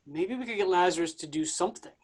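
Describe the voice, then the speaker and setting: High-voiced slacker bro Jesus, played by a man. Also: quick pace. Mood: scheming. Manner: casual slangy dude speech. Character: laid-back, vain slacker Jesus who talks like a bro. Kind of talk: staged reading of a comic play.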